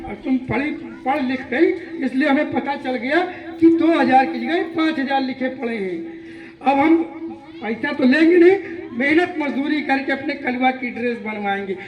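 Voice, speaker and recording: A man acting as an illiterate village father in a street play, declaiming loudly and gratefully. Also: very high voice, moderate pace, roomy sound, low-quality recording. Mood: earnest. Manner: loud stage declaiming.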